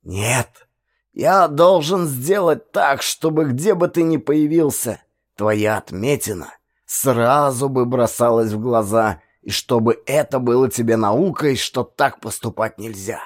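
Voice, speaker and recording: A man voicing a stern, proud older male householder who talks in a gruff, scornful and commanding way in a storybook reading. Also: medium pitch, unhurried, natural voice.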